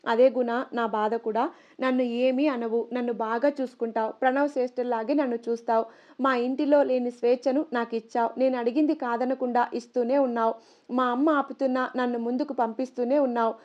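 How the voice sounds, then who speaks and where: A woman narrator voicing a gentle, devoted young wife who pleads through tears. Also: on the high side, fairly even intonation, fairly quick, highs cut off, natural voice. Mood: tearful. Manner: pleading, tearful.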